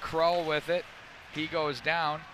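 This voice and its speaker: A man doing live hockey play-by-play, making rapid calls that rise sharply on scoring chances. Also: on the high side, flat delivery, background noise. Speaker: play-by-play announcer. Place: outdoor rink broadcast.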